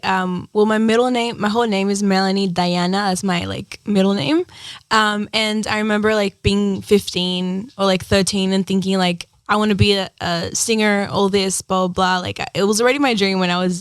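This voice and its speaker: A young woman from Ecuador chats earnestly as an interview guest, her talk full of "like" and "um." Her voice sits at a middle pitch, and the recording is close and dry. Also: fairly even intonation, normal speed, no room sound. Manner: chatty, earnest, many "like" and "um" fillers. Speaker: singer-songwriter guest. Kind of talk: casual interview chat.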